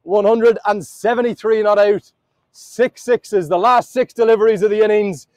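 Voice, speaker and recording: A man calling a cricket match live from the commentary box, building to excited shouts at the big moments. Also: high voice, normal speed, dry recording, rough recording.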